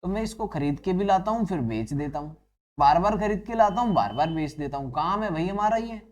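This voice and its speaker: This accounting lecturer's voice sits high and has a darkish tone; he's expressive and talks a little fast. He treats his students as children, slips English words into the lesson, and fields his own questions in classroom style.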